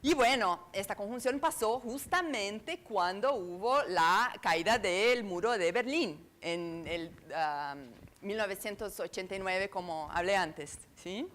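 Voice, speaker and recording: Speaking slowly with lively intonation, this Argentine-accented woman has a medium-pitched, fairly bright voice as she lectures a live conference audience about astrology. Fillers and restarts pepper her search for words, and she keeps asking the room to agree with tag questions.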